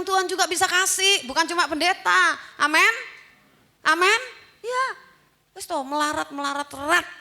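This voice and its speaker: A woman's voice: mid-range voice, bright, forceful tone. A middle-aged woman pastor preaching a sermon in an East Javanese accent, often calling out to the congregation. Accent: East Javanese Indonesian. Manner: emphatic preaching, calls out "saudara" to the congregation. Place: church.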